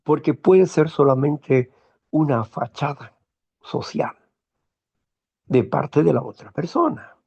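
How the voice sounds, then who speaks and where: A man hosting a morning talk program, speaking in a slow, measured, moralizing monologue with personal anecdotes. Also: fairly high pitch, gravelly, breathy edge, lo-fi sound. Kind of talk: reflective monologue.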